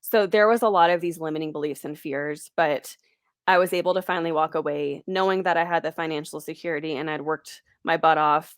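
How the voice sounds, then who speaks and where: A woman's voice: sits low, a little fast, no echo, studio quality. A woman in her late twenties, a guest speaking candidly and reflectively in an interview conversation. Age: 20s. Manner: candid, reflective, laughs lightly.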